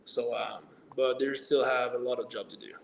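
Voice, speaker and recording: A man being interviewed as an athlete guest, talking haltingly with many fillers, restarts and uneven grammar. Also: medium pitch, fairly even intonation, creaky. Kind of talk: remote interview chat. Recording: echoey room, far from mic.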